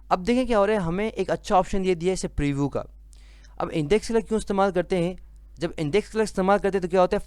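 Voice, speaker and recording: Male software tutor, conversational lesson, smooth resonant voice, slightly high pitch, keeps checking understanding. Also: no room sound. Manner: repeatedly checks understanding with a rhetorical question; conversational, with frequent fillers and restarts. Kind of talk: screen-recorded tutorial lesson.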